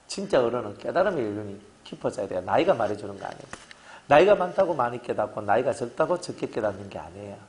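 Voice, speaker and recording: Lively, joking Korean pastor. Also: male voice, mid-range voice, fast. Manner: lively and joking, asks the congregation "그죠?" again and again. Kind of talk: sermon.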